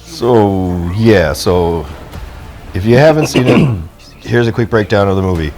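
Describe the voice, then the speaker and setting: Goofy, animated man wisecracking. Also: fairly low pitch, unhurried, soft background music. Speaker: podcast co-host. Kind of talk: casual movie review chat.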